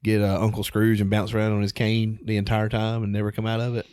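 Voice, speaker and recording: A man's voice: lowish voice, monotone, fast talker, darkish tone, clean tone, no room sound. A man in his thirties co-hosting a podcast, chatty and upbeat, laughing easily in casual chat. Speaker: podcast co-host.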